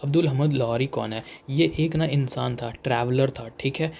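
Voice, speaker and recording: A young man with an Indian accent giving a casual exam-prep lecture, chatty and repetitive, reading English lines slowly. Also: medium pitch, vocal fry, darkish tone. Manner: chatty, repeats "theek hai", reads English slowly. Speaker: exam coaching teacher.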